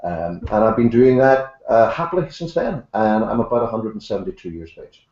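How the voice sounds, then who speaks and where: An older Irish man, from Ireland, speaks as a guest author on an online panel in a lowish, slightly mellow voice that is animated and a little fast. His humor is dry and self-mocking, and he says "uh" often. The room is echoey and the sound dull and lo-fi.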